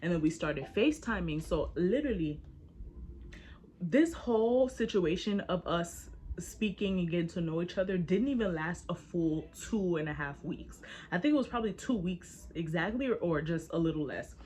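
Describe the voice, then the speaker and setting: Young woman storyteller, slangy and lively, casual chat to camera. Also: on the low side, moderate pace, slight background noise. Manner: animated, slangy, talks straight to viewers. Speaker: storyteller, vlogger.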